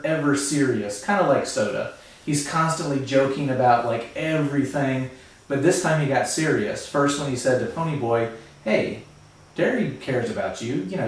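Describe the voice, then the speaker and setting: A male teacher reading a novel aloud to his class and explaining it in a casual way. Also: mid-range voice. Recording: very echoey room, far from mic.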